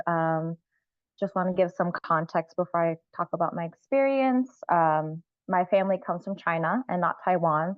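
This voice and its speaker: A woman from Central Florida introduces herself in a friendly, hesitant way, with fillers. Her slightly low voice comes through thin and phone-like over a video call. The sound is dry and close. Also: no room sound. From Central Florida, USA. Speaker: farm worker. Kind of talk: personal introduction in an online support circle.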